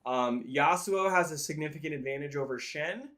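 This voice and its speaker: A man giving live play-by-play commentary on a video game match in an excitable announcer style. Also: fairly high pitch, moderate pace. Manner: excitable announcer-style calls that swell at big plays. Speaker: esports commentator, play-by-play caller.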